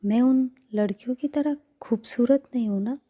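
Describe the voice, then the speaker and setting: A woman voicing an insecure young woman who speaks hesitantly and softly. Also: a little high, normal speed, lightly acted. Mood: tearful.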